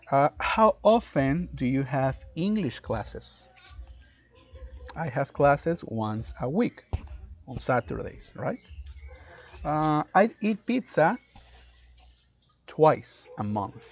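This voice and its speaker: A man's voice: medium pitch, a little mellow. A man teaching an English lesson, explaining grammar casually and switching between two languages. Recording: dull lo-fi audio.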